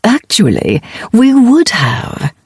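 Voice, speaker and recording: A woman voicing a ruthless woman mercenary captain who talks in calm, sarcastic menace. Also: on the high side, slow pace, slightly rough, no echo, studio quality, pitched above the performer's own voice, exaggerated voice. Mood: matter-of-fact.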